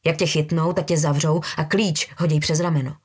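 A woman voicing a brutal, menacing young man who talks in low, slangy threats. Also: steady tone, a little mellow, husky.

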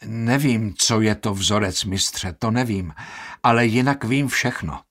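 A man voicing a strange young perfume apprentice with a croaking, creaky voice, speaking pushily and insistently. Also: fairly low pitch, a bit bright. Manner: pushy, insistent repetition.

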